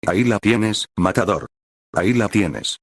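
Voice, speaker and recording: Un hombre que pone voz a un chico alegre y bromista, con tono animado. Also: male voice, lowish voice, animated, a little slow, no room sound, clean studio sound.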